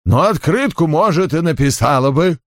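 A man voicing a gruff, deadpan office secretary woman with a crackly voice who talks in curt, grumbling remarks. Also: low-pitched, normal speed, dry recording, clean studio sound, voice pushed up. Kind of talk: audiobook character voice.

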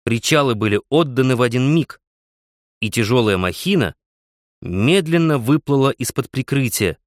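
A man narrating an adventure audiobook at a measured, even pace. His voice sits mid-range, and the recording is close and dry. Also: medium pitch, no echo.

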